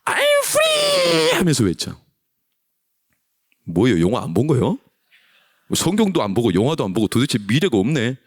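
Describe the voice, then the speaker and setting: A male senior pastor giving a lively, conversational sermon to young adults, often teasing the congregation. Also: mid-range voice, normal speed, pauses often, husky, dry recording, clean studio sound. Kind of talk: sermon to a youth service.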